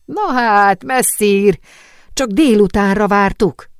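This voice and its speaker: A woman reading the part of a lively, balding middle-aged male porcelain master in an audiobook, talking in an effusive, apologetic way. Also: fairly low pitch, no echo, clean studio sound, close to an everyday voice. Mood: eager.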